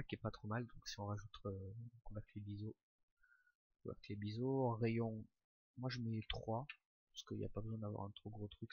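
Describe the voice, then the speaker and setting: A young man talking through a casual screen-recorded software tutorial, informal and hesitant, with frequent fillers as he clicks along. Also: lowish voice, slightly rough, no room sound, lo-fi sound. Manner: hesitant, many "euh" fillers, relaxed and informal. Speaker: tutorial maker.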